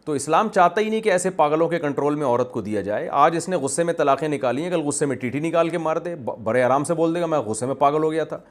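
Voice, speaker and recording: Male Islamic scholar, somewhat high voice, forceful repetitive lecturing. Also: few pauses. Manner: emphatic, argumentative, repeats phrases for stress. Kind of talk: religious lecture.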